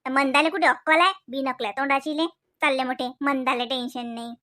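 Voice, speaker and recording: A woman voicing a sharp-tongued village wife in a cartoon, with an indignant, scolding manner. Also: fairly even intonation, brisk, dry recording, studio quality. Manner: scolding, indignant, high and shrill.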